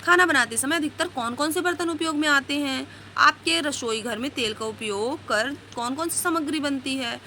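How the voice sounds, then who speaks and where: A woman's voice: high-pitched, normal speed, few pauses, sharp tone, slight background noise. A woman teacher going through a workbook lesson, explaining each question and reading out the answers, often checking with "है ना?".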